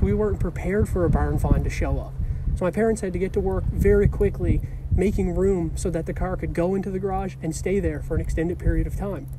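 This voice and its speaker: A young man seated on a rocky seashore, telling a car story to the camera in a relaxed, conversational way with fillers. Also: high voice, noisy background. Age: young adult. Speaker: car vlogger. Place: rocky seashore outdoors, beside a small fire.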